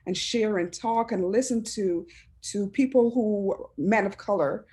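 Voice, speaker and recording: Speaking a little slowly in a warm, medium-pitched voice, a Barbadian education administrator shares heartfelt personal reflections as a panelist on a video call. She frequently starts her phrases over.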